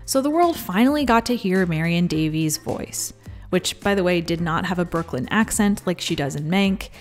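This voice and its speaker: Wry low-voiced woman narrating. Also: expressive, normal speed, soft background music. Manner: conversational with wry asides. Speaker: video essay host. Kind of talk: scripted narration.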